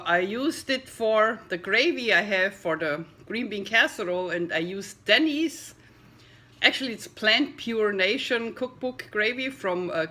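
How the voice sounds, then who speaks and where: A woman's voice: mid-range voice, bright, forceful tone. A middle-aged woman chatting casually in her home kitchen for a food taste-test vlog, talking as she eats. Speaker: vegan cooking vlogger.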